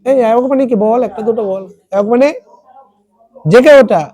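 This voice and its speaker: A tutor explaining an English text in Bengali, reading lines slowly and asking students word meanings. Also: female voice, a little high, warm tone. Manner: asks students questions and repeats word meanings. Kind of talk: classroom lesson explaining a text.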